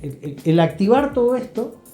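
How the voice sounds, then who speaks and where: This interview guest is a middle-aged Argentine health professional whose high, sing-song voice moves at a normal speed with a warm tone. He chats reflectively, explains his points, and drops in short tag questions to check in. Music plays in a roomy-sounding space.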